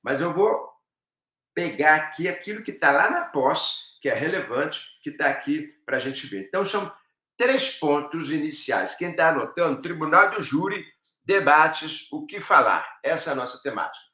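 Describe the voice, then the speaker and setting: A middle-aged Brazilian man teaching a live online law class, lively and addressing his students directly. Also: on the high side, normal speed. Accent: Brazilian Portuguese. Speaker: law professor. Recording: echoey room.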